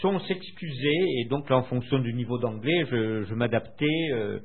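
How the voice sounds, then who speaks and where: An older French man being interviewed, recalling his past in a hesitant way with many filler pauses, heard over a tinny phone line. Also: mid-range voice, breathy edge. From France. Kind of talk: recounting memories in conversation.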